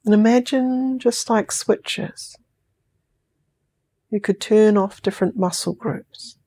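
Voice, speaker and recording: This sleep hypnosis guide is a woman with a New Zealand accent and a dark-toned, mid-range voice. She speaks slowly and soothingly, lengthening her phrases and sometimes whispering.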